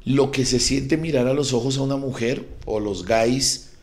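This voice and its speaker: A man's voice: mid-range voice, moderate pace, a little mellow. A man with a Colombian accent, a comedian guest on a podcast, telling rambling, profane, jokey stories in casual chat.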